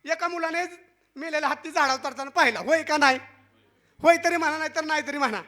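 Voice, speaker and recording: A man's voice: very high-pitched, fast, bright, forceful tone. A man giving a devotional kirtan discourse, playfully quizzing the crowd in call and response. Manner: playful teasing with the audience. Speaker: kirtan preacher.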